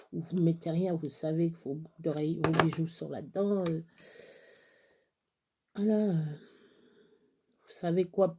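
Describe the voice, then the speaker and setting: A woman chatting casually through a crafting tutorial, rambling and halting with many fillers, sometimes dropping to a whisper. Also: medium pitch, dark tone, a little hiss or hum. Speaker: craft vlogger.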